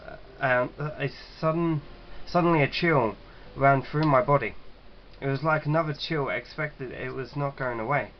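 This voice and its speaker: Here a man hosts a gaming channel let's-play in a relaxed way, talking and reading the on-screen text with frequent stumbles and pauses. His pitch is medium. The recording comes through a muffled, low-quality mic with plenty of noticeable background noise.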